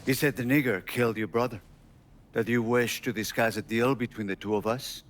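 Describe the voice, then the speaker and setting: An actor playing a formal, reserved drug supplier in a game, speaking stiffly and politely. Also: male voice, mid-range voice, steady tone, brisk, a little hiss or hum, close to an everyday voice.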